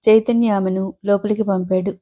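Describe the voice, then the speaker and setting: A woman narrates a novel in a measured storytelling manner. Her voice is mellow and dark. Its pitch sits in an ordinary middle range. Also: steady tone. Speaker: audiobook narrator. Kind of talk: reading a novel aloud.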